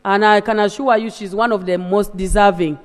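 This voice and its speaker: A woman's voice: mid-range voice, steady tone, fairly quick. Impassioned Ugandan woman in a reverberant chamber. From eastern Uganda. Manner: impassioned, emphatic. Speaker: legislator. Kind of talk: parliamentary speech. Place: large assembly chamber. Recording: long reverb of a large chamber.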